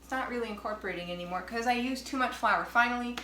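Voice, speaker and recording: A woman's voice: fairly high pitch, fast, echoey room, music in the background. A woman chatting casually on a vlog while she bakes at home, exasperated and self-mocking, swearing now and then. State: out of breath. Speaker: vlogger. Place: home kitchen.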